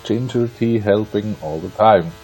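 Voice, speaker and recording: With a lowish, warm voice and a measured pace, a man from Austria commentates for a sim racing league, speaking with an Austrian accent; German is his native language. His live commentary is conversational and wry, with playful asides. The audio is poor, with a little hiss or hum.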